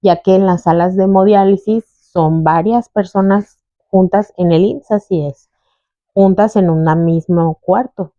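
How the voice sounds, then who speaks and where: A woman's voice: medium pitch, unhurried, dry recording, dull audio. A young adult woman, telling her own story in an interview and acting out the voices of people she quotes. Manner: animated, acts out quoted voices. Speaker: guest sharing her testimony. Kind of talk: conversational testimony.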